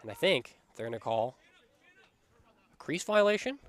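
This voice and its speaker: A man calling a lacrosse game live from a commentary booth, steady and energetic, lifting on big plays. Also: fairly high pitch, normal speed. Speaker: play-by-play commentator.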